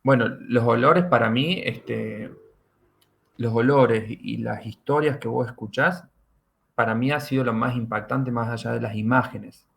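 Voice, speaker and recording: A middle-aged man with an Argentine accent speaks as a forensic doctor in a podcast interview. His voice has a gravelly, rough edge, and he explains step by step, often repeating his key phrases for emphasis. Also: medium pitch, steady tone, a little slow, a bit bright. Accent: Argentine Spanish.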